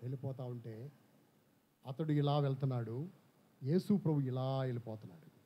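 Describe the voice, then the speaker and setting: A man preaching a sermon, animated, throwing questions at the congregation. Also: mid-range voice, normal speed, slightly rough. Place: church hall. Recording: slightly dull church recording.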